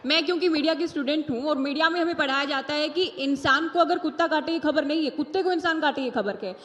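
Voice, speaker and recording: A woman's voice: sits high, quick pace, a bit bright. A young woman interviewing a politician live on stage, pressing him with pointed questions. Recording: long hall reverb.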